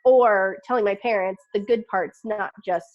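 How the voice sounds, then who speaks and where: A woman's voice: mid-range voice, normal speed, highs cut off. A middle-aged woman, a business owner and podcast guest, chatting casually and acting out little quoted lines with laughs. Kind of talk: casual interview chat.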